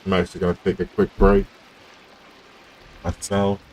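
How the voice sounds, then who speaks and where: Man, livestream host, deep low voice, laid-back casual gaming chat. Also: monotone, normal speed, a little mellow, a little hiss or hum. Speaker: streamer hosting a game livestream.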